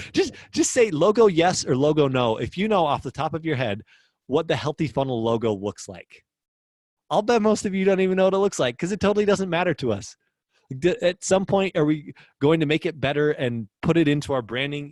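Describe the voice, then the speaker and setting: A man's voice: on the high side, no room sound, studio quality. A man hosting a casual livestream lesson as a business coach, chatty and upbeat, reading viewer comments aloud.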